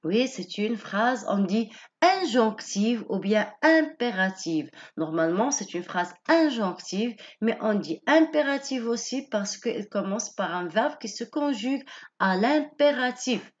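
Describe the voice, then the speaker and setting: A woman giving a patient grammar lesson, explaining each point slowly and rephrasing it several times. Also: on the high side, lively intonation, lo-fi sound. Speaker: teacher.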